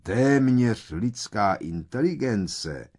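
A man's voice: on the low side, animated, a little mellow. A man voicing a proud, stern male centaur who speaks harshly and with scorn.

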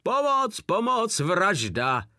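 A man's voice: lively intonation, pushed and bright, no room sound, clean studio sound. A man voicing a nervous, pompous German sergeant who blusters and panics. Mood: screaming. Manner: nervous and shrill.

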